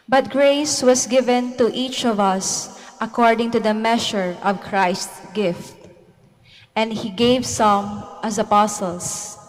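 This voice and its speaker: Female lector, very slow solemn reading, cathedral echo. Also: mid-range voice. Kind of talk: liturgical scripture reading. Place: large church. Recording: long church reverb.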